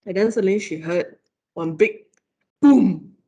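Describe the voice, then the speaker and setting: A woman's voice: mid-range voice, a little slow. A woman guest lecturer with a Malaysian English accent, telling a ghost story on a casual podcast with lots of "like" fillers and giggles. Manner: animated, giggly, many "like" fillers.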